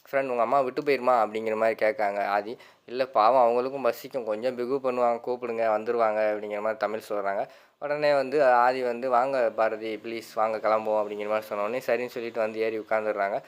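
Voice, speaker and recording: A man's voice: fairly low pitch, flat delivery, fast, clean tone. A man casually recapping a TV serial episode, quoting each character's lines in one running narration. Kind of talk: casual spoken story recap.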